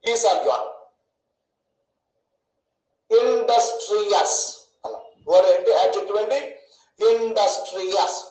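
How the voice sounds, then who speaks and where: A man's voice: high-pitched, fairly even intonation, brisk, dark tone. A man teaching an English grammar lesson in an online class, asking questions and answering them himself and stretching words out syllable by syllable. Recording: echoey room.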